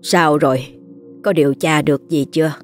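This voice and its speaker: A woman's voice: sits low, fairly even intonation, normal speed, faint music behind, close to an everyday voice. A woman voicing a bossy, scolding old grandmother with a Southern Vietnamese accent. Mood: gruff. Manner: gruff, scolding.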